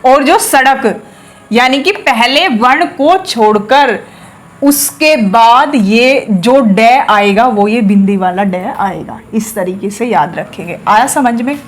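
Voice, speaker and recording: A woman teaching a spelling lesson to students, patiently explaining and repeating words slowly to drill their pronunciation. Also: fairly high pitch, animated. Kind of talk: classroom lesson on a whiteboard.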